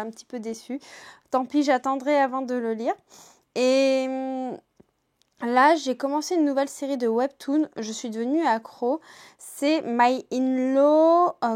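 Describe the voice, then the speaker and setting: Tired young woman, book vlogger from France, chatty with fillers, slightly high voice. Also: darkish tone. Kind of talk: casual vlog chat.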